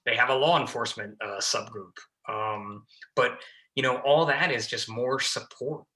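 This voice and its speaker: Enthusiastic male guest with a sharp, bright voice, chatting casually. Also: mid-range voice. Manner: enthusiastic, talks in quick bursts. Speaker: podcast guest, fire lieutenant. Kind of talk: casual conversation.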